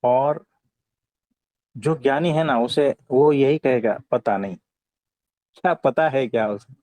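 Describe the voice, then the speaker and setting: A man with an Indian accent giving a conversational spiritual discourse, teaching in a calm, gentle way and often checking for agreement. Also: medium pitch, takes it slowly, dry recording. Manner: didactic, often seeks agreement with short tag questions. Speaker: spiritual teacher answering devotees' questions.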